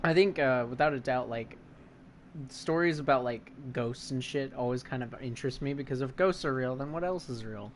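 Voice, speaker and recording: A man's voice: medium pitch, moderate pace, a little hiss or hum. A young man co-hosting a podcast, chatting casually in a rambling, crude way full of fillers. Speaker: podcast co-host. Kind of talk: casual chat.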